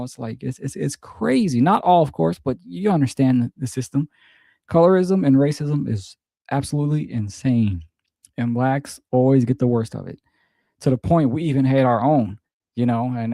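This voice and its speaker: Laid-back man with a dark, dry voice. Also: medium pitch, dry recording. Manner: laid-back, rambling, profane, repeats himself. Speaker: streamer reacting to clips. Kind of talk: casual reaction commentary.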